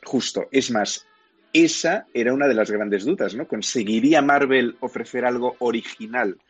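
A man's voice: medium pitch, moderate pace, husky, no echo, soft background music. A man with a Castilian Spanish accent giving an explanatory, opinionated review in a conversational radio segment. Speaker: television and film reviewer.

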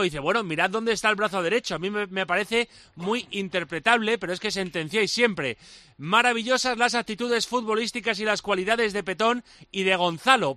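Bright-voiced Spanish man reading messages. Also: high-pitched, no room sound. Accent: Spain Spanish. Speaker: radio co-host reading listener messages. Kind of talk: reading listener messages aloud.

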